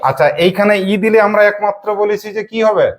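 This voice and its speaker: A woman's voice: mid-range voice, over a noisy crowd, very noisy. A woman teacher leading a spelling lesson for young pupils, drilling them with call-and-response and frequent check questions. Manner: asks children quick check questions.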